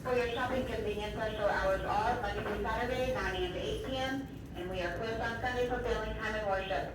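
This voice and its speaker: Brief: woman store announcer on the PA, higher voice, echoey and far off in a big store. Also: fast, noisy background. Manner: scripted, polite, with a Southern "y'all". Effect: over a store loudspeaker. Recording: echoey store PA, heard from afar.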